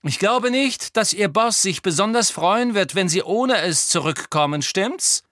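A man's voice: sits high, lively intonation, unhurried, fairly bright tone, no room sound, studio quality, pitched above the performer's own voice. A man reading a bold teenage boy wizard in a raised, defiant voice.

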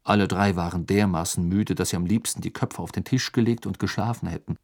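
A man reading an audiobook as narrator in an even, measured way. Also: deep voice, no echo, clean studio sound. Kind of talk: scripted narration.

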